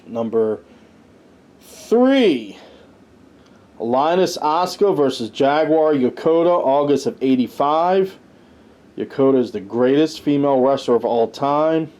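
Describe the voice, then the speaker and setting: His voice is medium-pitched, animated and a little mellow, and he speaks at a slow pace. Hosting a podcast about wrestling history, he reads through a list with casual commentary and adds personal asides.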